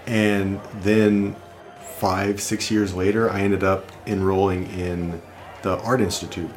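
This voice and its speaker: A man's voice: deep voice, flat delivery, slow. A man talking casually as an interview guest, reflective and rambling with restarts. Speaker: guest designer. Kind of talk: casual conversation.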